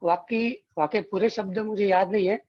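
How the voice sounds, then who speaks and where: A man, speaking from afar over a remote call. His audio is clipped and distorted and keeps breaking up, and the muffled, narrow line dulls his voice. He talks haltingly, pausing as he searches for words. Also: high-pitched, fairly even intonation. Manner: hesitant, searching for words while recalling a text. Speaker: participant in an online religious study session. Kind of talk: casual remarks in a group discussion.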